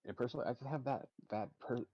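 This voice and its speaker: A man's voice: medium pitch, rapid-fire, husky, dry recording, highs cut off. A young man hosting a game stream, chatting casually and rambling with many fillers.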